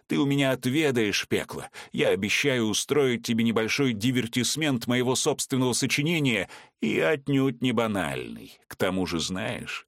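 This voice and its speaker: A man voicing a cruel, vengeful male villain in an audiobook, gloating and ranting between low menace and shouting. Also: no echo, studio quality. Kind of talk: audiobook character reading.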